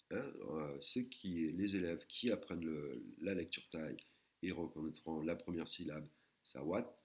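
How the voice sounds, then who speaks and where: A man teaching a recorded language lesson, patiently explaining and sounding out words slowly, syllable by syllable. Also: sits low. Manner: slow, careful, syllable-by-syllable pronunciation of Thai words.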